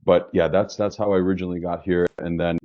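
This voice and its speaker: Speaking quickly in a deep voice, this guest, who founded an insurance business, chats in a relaxed, talkative way during a casual interview, often restarting his sentences. He's from the New York metro area, and the audio is dry and dull.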